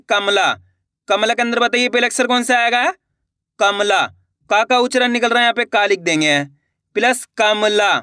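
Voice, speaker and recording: Man, high voice, clear and smooth, patient teacher spelling out syllables slowly, dry close sound. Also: pushed and bright, no room sound. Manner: slow, drawn-out spelling of syllables, quizzing the viewer. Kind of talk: Hindi reading lesson.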